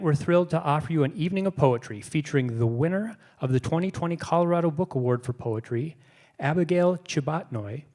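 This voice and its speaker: A man's voice: on the high side, darkish tone. Man reading a formal event welcome. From United States. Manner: measured, formal announcer reading. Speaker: museum host. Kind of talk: scripted event introduction.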